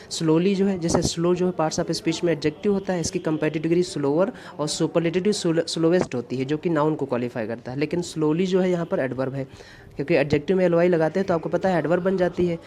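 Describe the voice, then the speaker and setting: A man teaches an exam-prep English grammar lesson. He explains each answer step by step and repeats the key forms. He reads the example sentences out slowly and carefully. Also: fairly high pitch, dark tone.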